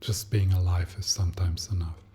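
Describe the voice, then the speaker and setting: A man guides a meditation as a teacher, speaking gently and softly in short, unhurried phrases broken by long pauses. His voice is deep, breathy and husky, with a flat delivery. A little hiss or hum can be heard.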